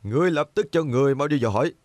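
A man's voice: on the high side, lively intonation, rapid-fire, darkish tone, dry recording, close to an everyday voice. A man dubbing a scheming young noble who commands his men. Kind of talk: dubbed TV drama.

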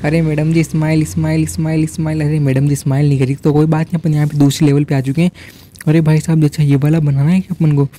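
A young man jokes his way through a casual gameplay commentary, teasing the patients with slangy banter. His voice sits a little high, but the tone is very dark and mellow. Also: level tone, fast, a little hiss or hum. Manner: joking, teasing game characters in slangy banter.

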